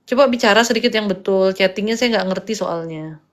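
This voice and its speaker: A woman's voice: mid-range voice, a little fast. A woman hosting a live stream, chatting casually and rambling, scolding and lecturing her viewers. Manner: chatty, rambling and scolding, jumps between topics. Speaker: live-stream host giving spiritual consultations.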